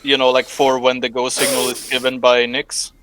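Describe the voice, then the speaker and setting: A man's voice: medium pitch, completely flat delivery, moderate pace, fairly bright tone, no echo. A man playing a tabletop game, explaining his plans at length in a chatty way. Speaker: player.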